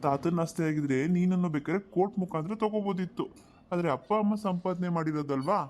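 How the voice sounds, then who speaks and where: A man voicing a stern older brother, mellow voice. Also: high voice, fast, lightly acted. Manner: stern, lecturing. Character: stern elder brother arranging a marriage. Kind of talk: cartoon voice acting.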